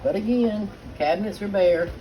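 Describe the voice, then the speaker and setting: A woman's voice: medium pitch, moderate pace, highs cut off. A middle-aged woman, chatting through a home cooking demonstration with many "uh" fillers. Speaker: home cook. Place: home kitchen. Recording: noisy home kitchen ambience.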